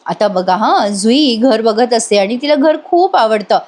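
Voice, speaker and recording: A woman tells a serial episode in a chatty voice-over recap. She strings the scenes together casually, with a fairly high pitch. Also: animated, measured pace, darkish tone. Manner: chatty storytelling with tag words. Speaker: serial review narrator.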